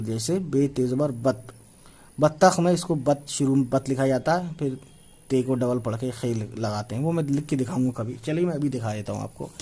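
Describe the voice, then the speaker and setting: A man's voice: medium pitch, mellow, husky. A man in his twenties teaching a writing lesson, patiently repeating and spelling out letters one by one. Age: 20s. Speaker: Urdu teacher.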